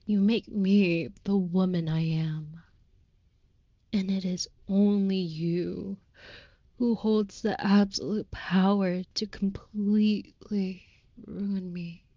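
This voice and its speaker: In this intimate audio roleplay, a woman voices a tender female vampire lover whose devotion is total and whose romance is ornate. Her mellow, soft, breathy voice sits at a medium pitch with fairly even intonation, dipping into whispers as she moves slowly and reverently through florid, archaic, formal phrasing full of impassioned devotion. The sound is close, dry and a bit dull, with no room sound at all.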